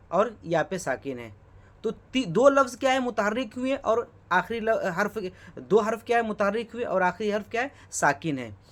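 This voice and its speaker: A man's voice: high-pitched, a bit bright. A man teaching a lesson on poetry terms, who asks himself rhetorical questions, checks in with "okay" and spells words out letter by letter. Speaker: Urdu teacher. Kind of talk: exam-prep lesson explaining Urdu poetry.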